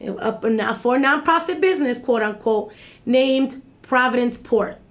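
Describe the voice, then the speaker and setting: A woman in her thirties, the executive director of an activist group, speaks as a guest in a casual interview. Her voice sits a little high and moves a little slowly, and she's emphatic, repeating herself and checking in with "right?"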